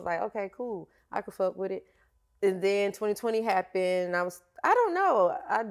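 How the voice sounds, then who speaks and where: A woman fitness instructor telling her story in a candid, slangy, casual interview. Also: medium pitch.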